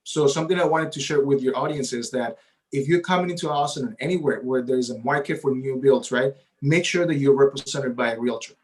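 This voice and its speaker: Here a man who grew up speaking Spanish talks as a realtor guest during a casual interview. His middle-pitched voice moves a little fast, and his manner is eager and long-winded, with a habit of adding "right?" as he goes. The tone remains light and conversational.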